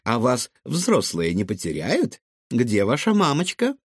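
A man's voice: mid-range voice, huge pitch swings, unhurried, husky, no echo, studio quality, full character voice. A man voicing a kindly, fussing old grandmother in a storybook. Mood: doting.

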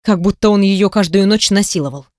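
A woman narrating an audiobook in steady, measured storytelling. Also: mid-range voice, dry recording, studio quality. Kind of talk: scripted narration.

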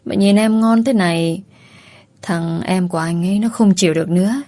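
A woman's voice: fairly low pitch, normal speed, mellow, close to an everyday voice. A woman reading a story, voicing a crude, bullying young man with a sneering, coarse manner. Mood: leering.

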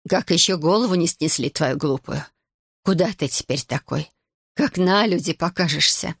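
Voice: mid-range voice, normal speed, creaky, slightly rough, no echo, studio quality. A narrator doing a bitter scolding mother. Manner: sharp, reproachful.

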